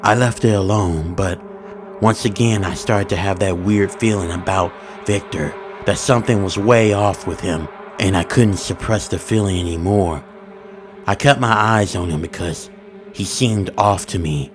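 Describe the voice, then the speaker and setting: A man narrating a first-person horror story in a steady, ominous storytelling manner with informal grammar. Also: on the low side, slight background noise.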